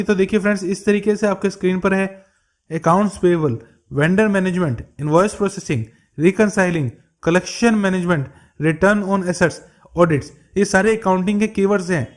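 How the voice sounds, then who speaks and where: High-voiced man teaching a lesson. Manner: addresses viewers as friends, steady instructive delivery. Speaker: English tutor. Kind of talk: explanatory lesson for learners.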